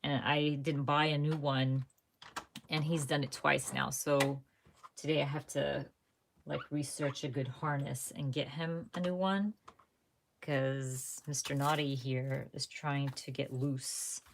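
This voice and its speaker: A woman's voice: extremely low pitch, fairly even intonation, slow pace, vocal fry, a little hiss or hum. A young woman hosting a live crafting stream, chatting casually and rambling to her viewers, often correcting herself mid-sentence. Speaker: crafting livestream host.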